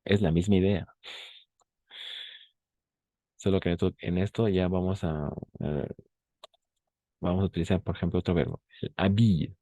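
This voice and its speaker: A man teaching French grammar in an online class. He is patient and repeats the French examples slowly, checking in with short confirmations. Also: sits low, fairly even intonation, mellow, dry recording.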